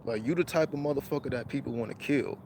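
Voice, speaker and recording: A man quoting a blunt, menacing male stranger who speaks in a profane, gruff way. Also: medium pitch, fast talker, darkish tone, slight background noise, lightly acted.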